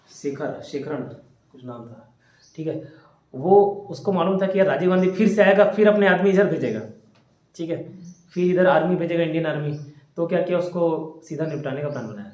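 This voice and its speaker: Young guy teacher, chatty storyteller, kinda high voice, echoey classroom. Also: moderate pace, long pauses, a little mellow. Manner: chatty, storytelling, jokes with students. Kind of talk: casual classroom lecture. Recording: echoey room.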